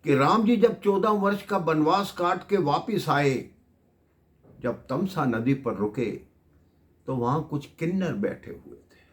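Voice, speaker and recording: A man's voice: on the high side, animated, slow. A man telling a devotional story to his listeners, emotive, swelling and dropping in volume.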